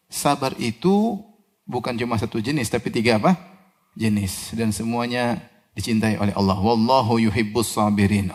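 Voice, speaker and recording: A man preaching a sermon. He recites Arabic verses, explains them, and asks his listeners questions that he answers himself. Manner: animated, with sudden rises in pitch and loudness on key words.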